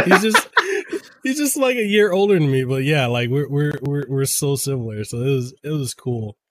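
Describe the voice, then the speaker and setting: Excitable man in his thirties chatting. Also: a little high, unhurried. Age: 30s. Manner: excitable, stumbles and repeats words. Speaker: podcast guest, game reviewer. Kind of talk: casual podcast chat.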